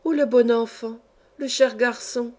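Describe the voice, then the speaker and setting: A woman's voice: fairly high pitch, moderate pace, warm tone, natural voice. A woman voicing an older peasant foster mother in a storybook reading, tender, exclamatory and easily moved. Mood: delighted. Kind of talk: audiobook character reading.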